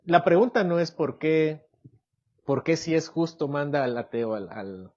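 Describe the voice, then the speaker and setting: A man's voice: on the high side, expressive, a little slow, darkish tone, highs cut off. A man teaching a doctrine class at church, asking his listeners questions and acting out everyday examples. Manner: asks the class questions, acts out examples in quoted voices. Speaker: Bible teacher.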